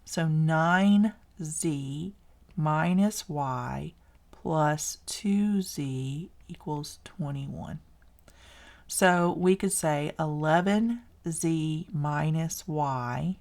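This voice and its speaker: A woman's voice: low-pitched, extremely slow, a little mellow. A woman with a Southern US accent teaching a casual recorded algebra lesson, chatty and encouraging, correcting herself as she works. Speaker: math teacher.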